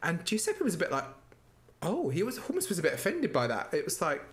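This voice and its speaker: A man's voice: high voice, fast talker, a crowd in the background. A man, guest on a podcast, chatting about a baking show and acting out moments as he tells them. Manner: animated storytelling, acts out quotes. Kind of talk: casual chat.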